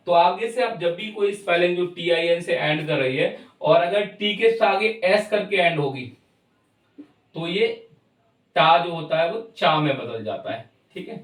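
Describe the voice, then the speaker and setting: A man teaching English pronunciation, explaining step by step and often checking in with his students. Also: fairly high pitch. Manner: explains slowly and checks in with "thik hai". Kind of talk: pronunciation lesson. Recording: echoey room, far from mic.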